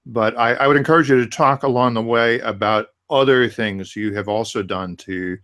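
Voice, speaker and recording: A man's voice: mid-range voice, steady tone, normal speed, a bit bright. Hesitant male webinar host on a video call. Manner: hesitant, repeats words. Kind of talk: webinar interview.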